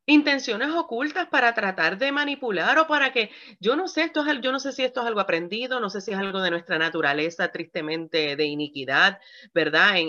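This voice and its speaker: A woman pastor preaching a sermon to women, asking her listeners questions as she goes. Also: mid-range voice. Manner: lively preaching, asks the audience questions. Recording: dull lo-fi recording.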